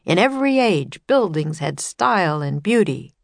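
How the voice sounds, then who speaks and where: A woman's voice: fairly low pitch, sing-song, moderate pace, vocal fry, no room sound. A woman voicing a male tour guide who announces sights through a megaphone in a grand, sing-song way. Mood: announcing.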